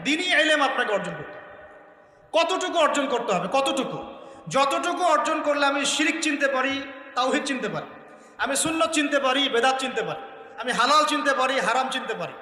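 A man's voice: very high voice, sharp tone. A man preaching a sermon to a live audience, emphatic and full of rhetorical questions and repeated lists. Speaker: Islamic preacher. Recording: echoey hall with long reverb.

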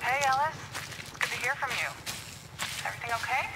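An actress playing a caring, steady woman friend who reassures and gently teases. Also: high voice, a little fast, heavy background noise. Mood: warm. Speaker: friend on the phone. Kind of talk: video game voice acting.

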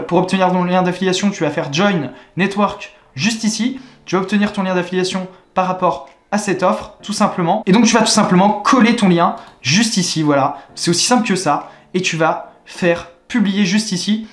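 A man's voice: high voice, normal speed, few pauses. A young French man giving a chatty, upbeat screen-recorded tutorial walkthrough, full of repeated filler words. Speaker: online money-making tutorial host. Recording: echoey room.

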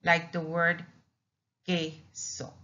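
Slow, patient woman. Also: lowish voice, completely flat delivery, pushed and bright, lo-fi sound. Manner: patient, repeats words and sounds slowly for learners. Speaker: Spanish teacher. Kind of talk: slow classroom lesson narration over slides.

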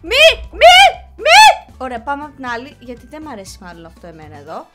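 Young woman gamer, lively swooping pitch, yells at the screen, faint music behind. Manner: excitable, yells and scolds the game. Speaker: gaming YouTuber. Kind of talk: live gameplay commentary.

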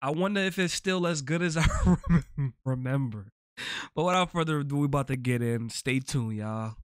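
A man's voice: a little high, normal speed, clean tone, no room sound, studio quality. A man giving casual, slang-filled commentary while playing a video game, swearing freely. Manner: laid-back, slangy, swears freely, gets excited. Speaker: gaming YouTuber.

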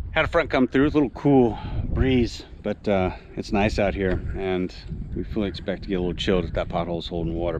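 Low-voiced mountain guide, a man outdoors. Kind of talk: casual outdoor vlog commentary. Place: outdoors in a sandstone canyon. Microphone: action camera, handheld or helmet-mounted. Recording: noisy outdoor wind and ambience.

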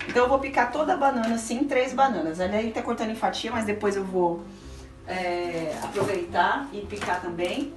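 Her mid-range voice moves at a moderate pace as this middle-aged woman, a cooking show host and aunt, patiently guides a child through a casual cooking demonstration and explains the steps for viewers. She's chatty, coaxing and encouraging, working in a small home kitchen indoors. A helper films a few feet away, and the roomy, distant sound carries music in the background.

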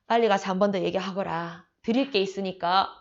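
A teacher puts on a scorned but clever young wife from an old tale, her soft, polite requests kept low and gentle. The audio sounds slightly muffled. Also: fairly even intonation, fairly quick, close to an everyday voice. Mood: calm commanding. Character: ugly but wise young wife Lady Park.

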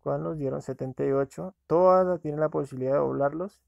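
Gravelly man narrating an app walkthrough. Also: fairly high pitch, fast, lo-fi sound. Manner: casual, addresses viewers as friends. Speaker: app reviewer. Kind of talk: screen-recorded app walkthrough.

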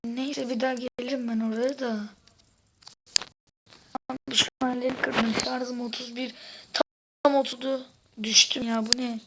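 A woman giving casual gameplay commentary, exasperated, swearing and shouting out at the game while chatting to her viewers. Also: fairly high pitch, level tone, measured pace, long pauses, background noise. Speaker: gaming video host.

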